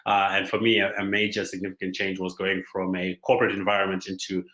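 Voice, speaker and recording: A man from Zimbabwe presenting at a conference as a startup founder, speaking in a measured, thoughtful way with many pauses and fillers. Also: low-pitched, completely flat delivery, bright, forceful tone, reverberant, poor audio. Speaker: startup founder giving a talk.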